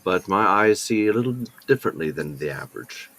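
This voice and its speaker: Guy at an rpg session, deepish voice with lots of movement, kinda theatrical, bit noisy. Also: lively intonation, a little fast. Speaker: tabletop role-playing player. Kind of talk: tabletop role-play, narrating and speaking in character.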